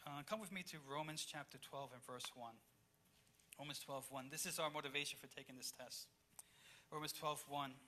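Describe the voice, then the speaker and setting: A man from Chile preaching a sermon, reading scripture aloud and explaining it, swinging between loud passages and hushed ones. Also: a little high, normal speed. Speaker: pastor.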